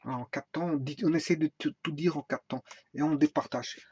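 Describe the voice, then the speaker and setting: Male music teacher, halting delivery with restarts, higher voice, dry muffled lo-fi sound. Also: steady tone, a little mellow, slightly rough, dry recording. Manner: halting, many fillers and restarts, sings phrases slowly. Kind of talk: informal solfège lesson.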